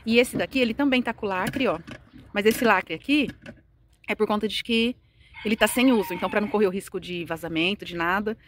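Brazilian lady vlogging on her phone, chatty and confiding, lots of "né" and "sabe", quick talker. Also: medium pitch, slight background noise. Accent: Brazilian Portuguese. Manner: chatty, confiding, lots of fillers and tag questions. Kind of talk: casual chat to camera. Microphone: phone camera.

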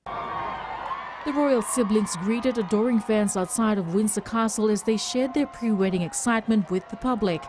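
A woman's voice: medium pitch, moderate pace, noisy background. A woman reporter reading a scripted news voice-over.

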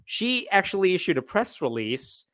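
A man in his forties hosting a casual commentary livestream from a small room, animated and sarcastic, gesturing as he talks. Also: sits high, moderate pace, dry recording, studio quality. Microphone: wired earbuds with dangling mic and desk mic.

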